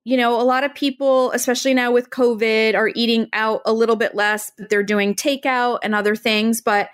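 Upbeat high-voiced woman podcast host. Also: level tone, moderate pace, smooth. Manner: upbeat, enthusiastic promotional delivery. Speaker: podcast host, interior designer. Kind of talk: podcast hosting.

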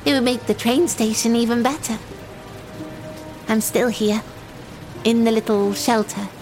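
A lonely, childlike young runaway acted by a woman confides in the listener in an audio drama monologue. The voice is fairly high, naive and wistful, with simple, halting phrases. Music plays clearly behind it. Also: fairly even intonation, lightly acted. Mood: hopeful, wistful.

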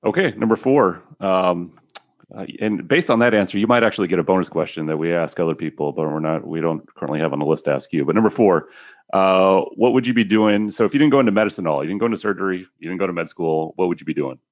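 A male podcast co-host rattles through numbered questions in a very deep voice at a quick clip. His audio sounds dull and lo-fi, as if from a remote setup. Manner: brisk, question-reading.

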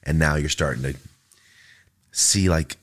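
A man's voice: a bass voice, measured pace. A man in his thirties hosting a casual podcast chat, easygoing and swearing freely. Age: 30s. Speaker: podcast host.

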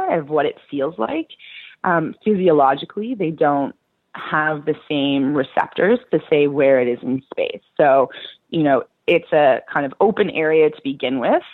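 A woman with a low voice explains exercises in a practical, reassuring way, often pausing on "um" and "you know". Her voice comes through a narrow, tinny phone line. The sound is dry, with no room around it. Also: slightly rough, no echo. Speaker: pelvic floor physiotherapist. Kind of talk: explanatory interview answers.

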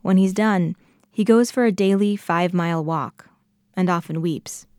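A woman hosting a podcast, reading scripted narration in a measured, gentle storytelling voice. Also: fairly low pitch, no room sound, clean studio sound. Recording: narration over clear music.

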